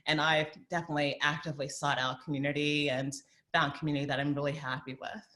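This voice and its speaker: At a community forum, a woman in her thirties from the American South speaks as a guest and answers audience questions. Her voice is low and fairly bright, her delivery flat. She's thoughtful, leaning on fillers and talking in quick bursts.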